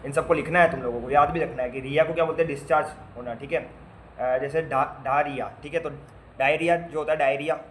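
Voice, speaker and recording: A man's voice: on the high side, steady tone, fairly quick, a little hiss or hum. A man teaching basic medical terms to nursing students in a casual lecture, spelling out word parts, repeating them and quizzing his students with playful asides. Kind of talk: classroom lecture.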